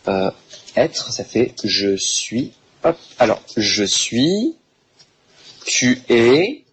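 A man teaching a French lesson to Chinese speakers, patient and repetitive, slowing down to stress words. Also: on the low side, breathy edge. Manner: patient, repetitive, slow and emphatic.

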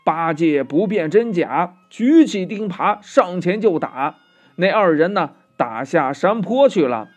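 A male storyteller narrates a children's tale in a high, unhurried voice. He lilts along, stretching his sentence-end particles, with faint music playing underneath. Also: animated. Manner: lilting, with drawn-out particles.

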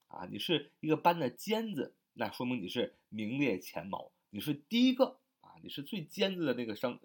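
A man teaching English vocabulary in a recorded online lesson, spelling each word letter by letter and padding his phrases with short fillers. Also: medium pitch. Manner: spells words letter by letter, stretches and repeats them slowly; frequent filler "啊" and "呃" between phrases.

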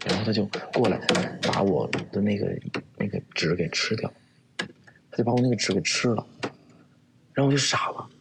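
Low-voiced man telling a story haltingly. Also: a little hiss or hum. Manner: halting, repeats words. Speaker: actor guest. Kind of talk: personal storytelling.

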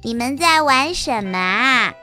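A woman's voice: high-pitched, expressive, a little slow, bright, forceful tone, faint music behind, exaggerated voice. A woman voicing a helpful little mouse with a chatty, informative manner.

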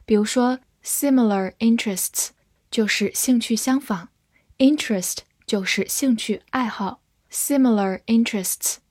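Slow, careful woman teaching vocabulary. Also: on the high side, a little mellow, dry recording, clean studio sound. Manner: spells words letter by letter and reads example sentences slowly.

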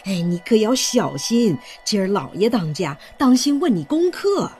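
A man's voice: high-pitched, big pitch swings, moderate pace, a little mellow, soft background music, voice pushed up. A man playing a fussy, fretful old nursemaid. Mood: scolding. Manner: scolding, fretful.

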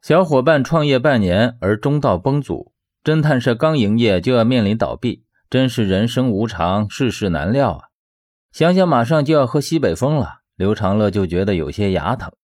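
A man's voice: medium pitch, animated, normal speed, a little mellow. A man reading a novel aloud as narrator, telling the story expressively. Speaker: audiobook narrator. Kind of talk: scripted narration.

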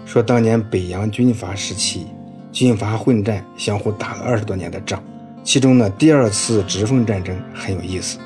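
A man's voice: lowish voice, normal speed, darkish tone, soft background music. A man giving a scripted audio lecture on writing, in a storytelling tone, padding his phrases with filler particles. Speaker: writing instructor.

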